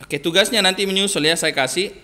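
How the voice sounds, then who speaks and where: A male primary school teacher giving a recorded online lesson, hesitant with many fillers and gently admonishing. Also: high-pitched, fast.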